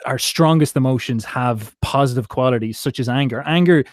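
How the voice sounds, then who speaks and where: A man's voice: medium pitch, normal speed, dry recording, clean studio sound. A man hosting an interview, musing aloud in a rambling way with many fillers. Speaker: interview host. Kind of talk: casual interview talk.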